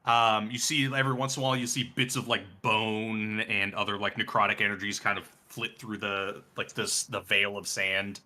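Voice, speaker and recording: A man narrating a tabletop role-playing game as game master, unhurried and full of fillers. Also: lowish voice, little pitch movement, pushed and bright.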